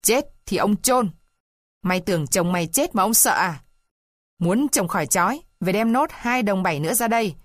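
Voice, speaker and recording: A woman's voice: medium pitch, lively intonation, brisk, no echo, studio quality, natural voice. A woman reading a bullying male village chief. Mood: harsh. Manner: snapping, threatening. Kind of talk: storybook reading.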